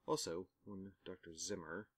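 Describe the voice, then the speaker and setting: A man's voice: low-pitched, fairly even intonation, moderate pace, no echo. A man giving casual let's-play commentary on a game, with wry, self-mocking asides. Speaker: gaming commentator.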